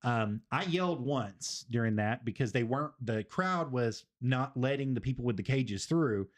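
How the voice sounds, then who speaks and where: A man's voice: mid-range voice, expressive, moderate pace. A man, hosting a casual wrestling review stream and rambling, repeating phrases for emphasis. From Tennessee, US. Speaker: stream host.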